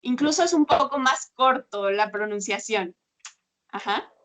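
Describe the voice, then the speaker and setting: Patient Spanish tutor woman, bright voice. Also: on the high side, animated, measured pace. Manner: patient, explains pronunciation with examples. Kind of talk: one-on-one language lesson.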